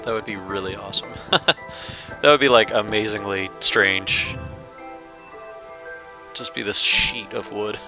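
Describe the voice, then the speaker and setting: A man's voice: lowish voice, takes it slowly, pauses often, music in the background. A man casually talking through his gameplay as a channel host, thinking aloud and chuckling now and then. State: hiccups. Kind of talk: casual let's-play commentary.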